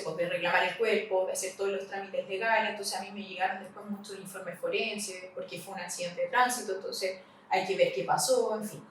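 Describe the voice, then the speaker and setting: A woman with a Chilean accent, a podcast guest recounting a personal loss, halting and repeating herself. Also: medium pitch, a bit bright. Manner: halting, repeats herself, voice rises in retold questions. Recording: echoey room, mic at a distance, faint hiss.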